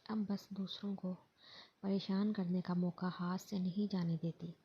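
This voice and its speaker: Here is a young man who needles people on purpose and is easily irritated, read by a woman narrator. He has a low, flat, gravelly voice with a husky rasp. It sounds dull and lo-fi, like a storybook reading. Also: unhurried, full character voice. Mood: irritated teasing. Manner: teasing, irritated.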